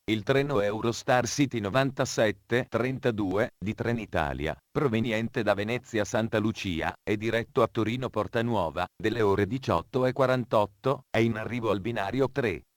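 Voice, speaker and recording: A man with a low voice gives train station announcements in a formal, measured way. The recording is dry, without any room sound.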